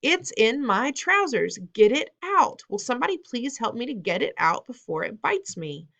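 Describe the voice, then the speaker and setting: A woman reading aloud and voicing a frantic male kitchen cook who shrieks and yells for help. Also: on the high side, very animated, moderate pace, vocal fry, dull audio, pitched above the performer's own voice, heavily acted. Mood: pleading.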